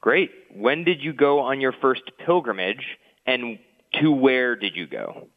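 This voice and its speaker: A man introduces and interviews a guest on a radio program in a plain, friendly manner. His voice is mid-pitched, with a long reverberant tail and a narrow, phone-like sound. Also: animated, a little slow.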